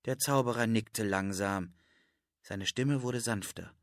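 A man narrating a children's audiobook in a calm, even storytelling manner. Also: on the low side, takes it slowly, dry recording, clean studio sound.

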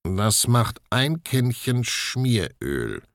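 Give me a man playing a touchy storybook gentleman creature, slow and stretched out. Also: medium pitch, big pitch swings, no echo, studio quality, pitched above the performer's own voice, heavily acted. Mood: fussy. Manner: slow, drawn-out, easily offended. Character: fussy gentleman creature who drinks oil.

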